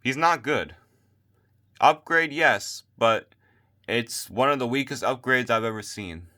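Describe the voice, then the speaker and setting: A man's voice: medium pitch, lively intonation, a little slow, pushed and bright. A man vlogging his sports opinions late at night, tired and losing his voice, rambling and repeating himself into a phone mic. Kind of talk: casual opinion rant.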